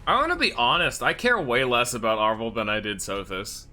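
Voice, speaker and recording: Bright-voiced man doing sweary game commentary. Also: mid-range voice, huge pitch swings, fairly quick, faint music behind. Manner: sweary, rambling. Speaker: gameplay commentator. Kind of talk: casual video game commentary.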